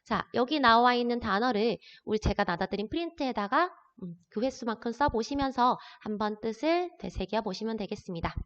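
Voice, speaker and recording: A woman's voice: on the high side, lively intonation, a little fast, few pauses, a bit bright. A woman teaching an introductory language lesson, explaining words patiently step by step. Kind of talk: recorded classroom lesson. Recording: dull lo-fi audio with long reverb.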